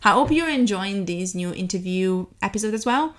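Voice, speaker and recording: A woman's voice: medium pitch, lively intonation, normal speed. A woman hosting a marketing podcast, introducing an episode and her guest in an upbeat, chatty way. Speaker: podcast host.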